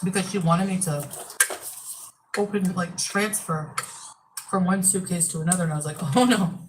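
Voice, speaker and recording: A woman's voice: on the low side, fairly even intonation, moderate pace, a little hiss or hum, rough recording. A woman chatting casually as a video host, telling a rambling story and acting out bits of conversation.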